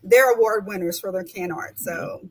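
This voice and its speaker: A chatty woman hosts a casual live-streamed interview, her talk full of restarts and easy laughter. She speaks at an ordinary mid pitch over a video call connection. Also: normal speed, a crowd in the background, poor audio. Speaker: host.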